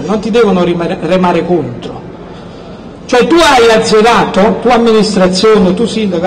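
High-pitched Campanian man making a rally speech. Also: low-quality recording. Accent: southern Italian, Campania. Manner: emphatic, insistent, repeats key words. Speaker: local politician. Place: outdoor town square. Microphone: microphone on a stand, amplified. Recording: outdoor public address with background noise.

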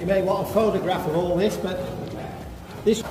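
A middle-aged man guiding a tour with halting explanations, his voice echoing inside a cave. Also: sits high, fairly even intonation. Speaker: cave tour guide and rescue participant. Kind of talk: explanatory guided tour talk. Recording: echoey cave, music over the voice. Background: music.

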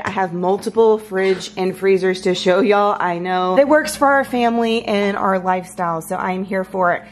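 An American woman talks in an upbeat, informal vlog style straight to her viewers. Her voice is giving out, with a lot of gravelly creak and strain. She is recorded at home in a kitchen, with a clear noisy hum behind her. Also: mid-range voice. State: voice giving out from allergies. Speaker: home organization vlogger. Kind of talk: casual chatty home tour vlog. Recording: clear background hum and noise.

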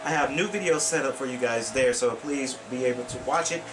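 A man's voice: mid-range voice, brisk, background noise. A young man hosting his own weekend vlog, talking casually to a webcam in his bedroom with lots of fillers and restarts. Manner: rambling with many fillers and restarts; gestures with hands while talking. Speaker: vlog host. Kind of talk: casual vlog talk to camera. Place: small bedroom with computer desk, indoors.

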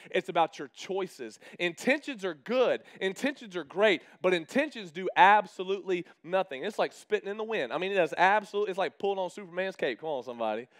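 Man, pastor, high-pitched voice, lively sermon, calls out to the crowd, slows for emphasis, church hall. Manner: lively preaching with call-outs to the congregation; slows down to stress key phrases.

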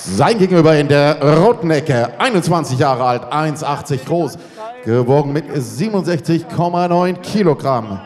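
A man working as a ring announcer, presenting fighters in a showy manner with drawn-out, shouted names. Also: fairly high pitch, animated. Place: large indoor sports arena. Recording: echoing arena PA, noisy.

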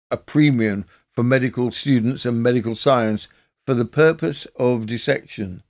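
A man narrating a scripted history episode in a measured, documentary-style reading. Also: mid-range voice.

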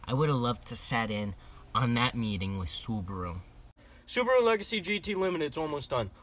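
A young man ranting to camera for comedy, in an exaggerated, put-on Jersey Italian mobster accent, yelling angry rhetorical questions. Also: medium pitch, sing-song, a little fast, a little hiss or hum, poor audio. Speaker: car vlogger.

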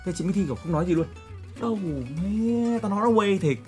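A young male streamer talks straight to his chat in a brash, joking way, full of crude slang. His voice sits high and the words come out fast. Faint music plays underneath. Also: darkish tone. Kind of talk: casual livestream chat, reacting to photos and clips.

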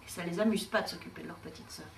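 A woman's voice: lowish voice, very fast, vocal fry. A woman teacher reading a picture book to small children, asking them questions in an encouraging, sing-song way. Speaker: preschool teacher. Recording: roomy room, far from mic, faint noise.

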